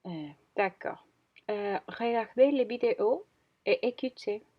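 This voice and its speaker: A Spanish-speaking French teacher in her thirties gives a slow beginner language lesson in an expressive, mid-range voice. She's hesitant, with many fillers and self-corrections, and the audio is dull and lo-fi.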